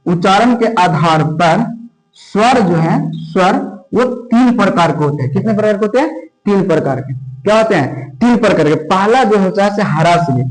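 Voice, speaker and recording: A man's voice: sits high, a little mellow, rough recording. A male teacher giving a grammar lesson, repeating key words and asking then answering his own questions. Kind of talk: classroom lesson explanation.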